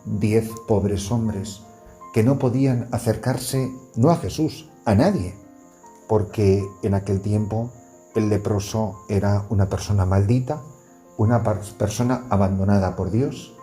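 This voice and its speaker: A man's voice: lowish voice, steady tone, unhurried, warm tone. A man preaching as a priest, earnest, with rising emphasis on key words and a faint music bed behind. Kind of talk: sermon.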